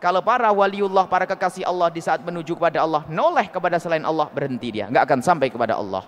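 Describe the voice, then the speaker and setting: A man preaching a sermon, animated and swinging from soft asides to loud emphasis. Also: on the high side, fast. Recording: long hall reverb.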